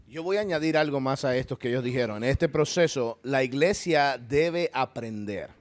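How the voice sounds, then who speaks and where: Medium-pitched and moderately paced, this male voice carries no echo. It belongs to a pastor with a Puerto Rican Spanish accent who preaches earnestly and conversationally with asides in a church hall, then leads the closing prayer.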